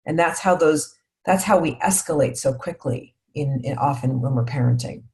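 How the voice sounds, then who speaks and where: Woman, parenting coach, low-pitched voice, reflective workshop teaching, asks guiding questions. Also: moderate pace, a little mellow. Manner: reflective, tags points with "right?".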